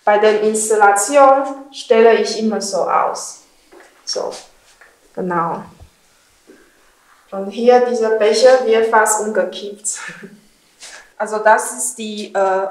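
A woman in her thirties from Taiwan, a ceramic designer explaining her work in careful, halting German with many fillers. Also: medium pitch, fairly even intonation. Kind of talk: studio tour explanation. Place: indoor ceramics studio, small room. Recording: roomy studio echo.

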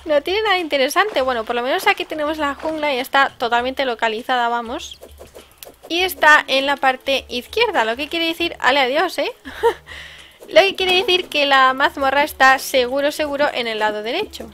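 A woman with a Spain Spanish accent gives casual, chatty gameplay commentary and breaks into sudden excited exclamations. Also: sits high, normal speed, slight background noise. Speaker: let's-play host.

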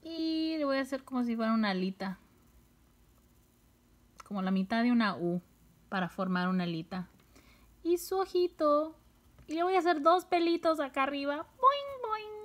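A woman teaching a children's phonics lesson, sounding out syllables slowly and stretching the words, with playful, exaggerated surprise. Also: a little high, big pitch swings. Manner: slow, drawn-out sounding of syllables.

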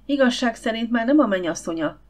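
A woman's voice: a little high, lively intonation, pitched above the performer's own voice, close to an everyday voice. A woman voicing a reserved, flustered young lady in an audiobook, speaking hesitantly. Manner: hesitant and reluctant.

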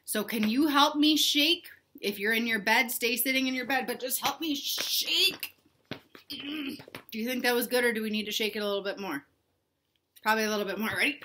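With slight background noise, a young adult woman reads a picture book to young kids in a living room, her voice on the high side, pushed and bright, at a moderate pace. She's a teacher or read-aloud host, reading with expression and asking the children simple questions.

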